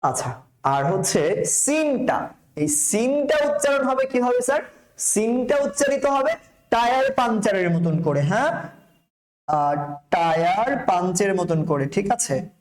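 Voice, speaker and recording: Slow, patient Bangladeshi Bengali male teacher. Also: high voice, big pitch swings, reverberant. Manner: patient, repeats sounds slowly and asks checking questions. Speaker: Quran recitation instructor. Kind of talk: online pronunciation lesson.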